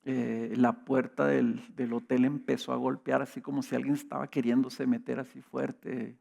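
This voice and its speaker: A man's voice: mid-range voice, little pitch movement, normal speed, vocal fry, darkish tone. A middle-aged man preaching a sermon, telling personal stories in a conversational way with rhetorical questions. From Mexico. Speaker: pastor.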